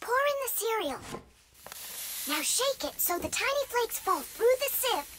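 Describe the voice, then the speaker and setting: A tiny eager girl fixie with a very high, lively voice. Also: heavy background noise, full character voice. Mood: coaching. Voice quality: high, bright childlike voice. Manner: brisk, explaining step by step. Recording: music bed under voice.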